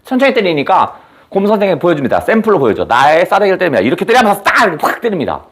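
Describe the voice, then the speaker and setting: A man's voice: sits high, wildly swooping pitch, very fast, fairly bright tone. A young adult man giving an exam-prep literature lecture in a chatty way, asking students rhetorical questions and acting out lines. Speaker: Korean literature teacher.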